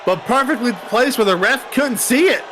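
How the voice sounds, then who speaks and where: A man's voice: extremely high pitch, lively intonation, moderate pace, a loud crowd. A man calling wrestling play-by-play, counting pinfalls aloud and dropping chatty news asides. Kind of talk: play-by-play commentary.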